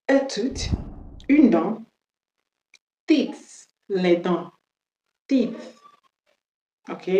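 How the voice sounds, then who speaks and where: Speaking slowly in French, a woman teaches an English lesson, drilling each word by repeating it several times. Her medium-pitched voice is warm, heard in a roomy, low-quality recording.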